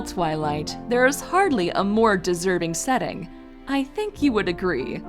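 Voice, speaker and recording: A serene, benevolent pony princess voiced by a woman in a fan audio drama. She speaks in gracious, formal phrases with a lively, sweeping intonation. Loud music plays behind her. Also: medium pitch, lightly acted. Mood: warm, gracious. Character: regal, serene, wise pony princess ruler, benevolent mentor.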